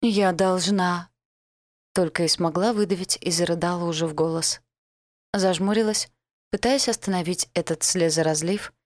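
Woman audiobook narrator, lowish voice, intimate first-person delivery, dry and close. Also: no room sound.

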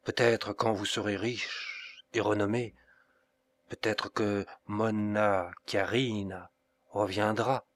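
A man's voice: fairly low pitch, fairly even intonation, slow pace. A man doing a timid, shaky young apprentice. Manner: shaky, hushed.

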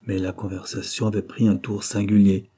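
A man narrates a novel as an audiobook, reading in a measured, steady way. His voice is low and dark with a husky texture.

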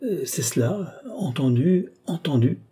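A man's voice: fairly high pitch, expressive, unhurried, dark tone, slightly rough, voice pushed up, full character voice. A man voicing a vain, flustered man posing as an officer, who answers in embarrassed stammers in a read-aloud story.

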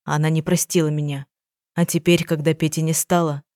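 A woman's voice: lowish voice, moderate pace, a little mellow, dry recording, clean studio sound, close to an everyday voice. A woman reading the lines of a grieving, remorseful young husband who keeps exclaiming in an audiobook. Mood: anguished. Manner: agitated, exclaiming. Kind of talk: audiobook dialogue.

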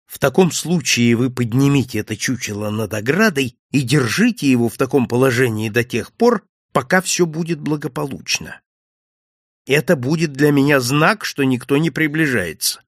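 A man voicing a calm, didactic Italian male detective in an audiobook reading, speaking in a lecturing, commanding manner. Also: medium pitch, moderate pace, no room sound, studio quality, close to an everyday voice. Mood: instructive.

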